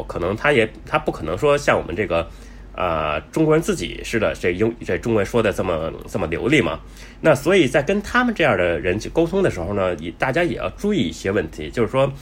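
A man's voice: medium pitch, breathy edge. A man giving travel advice in a casual, explanatory way, with many fillers and restarts. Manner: says he talks fast. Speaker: travel vlogger.

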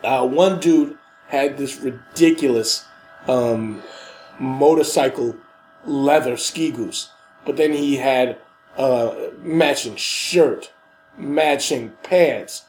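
A man's voice: medium pitch, slow, darkish tone, slight background noise, poor audio. A man with a stuffy nose from a cold, co-hosting a podcast in casual, slangy chat with emphatic repeated phrases. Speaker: podcast co-host.

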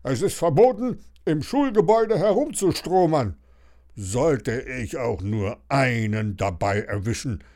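Grumpy school caretaker , read by a male narrator, stern, pitch swinging, audiobook. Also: darkish tone. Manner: stern, lecturing. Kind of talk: audiobook reading.

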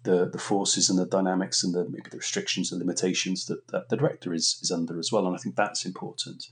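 Deep, husky-voiced male podcast interviewer. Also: level tone, quick pace. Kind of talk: casual, reflective conversation.

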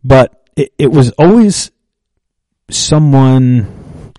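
A man co-hosts a casual faith and finance chat in a mellow, mid-range voice with lively intonation. He thinks aloud in a thoughtful, halting way full of fillers and restarts; the audio is poor but has no room sound.

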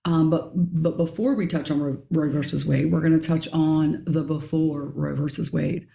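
A middle-aged woman hosts a casual podcast discussion in a hoarse, raspy voice with a gravelly, low-toned edge. She keeps clearing her throat. The sound is roomy, with a noticeable echo. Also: fairly even intonation, normal speed, mellow. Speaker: podcast host.

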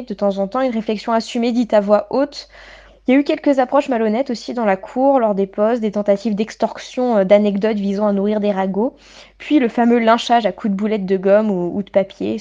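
The recording is muffled, but a mellow, slightly high voice comes through: a woman in her late twenties speaking as a radio interview guest. Her personal testimony is articulate and literary, with a self-deprecating streak.

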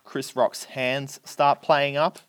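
A man's voice: mid-range voice, slow, clear, resonant tone, no echo. A man, chatting on a podcast and retelling a film plot, acting out the characters' lines. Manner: animated storyteller, acts out characters' lines.

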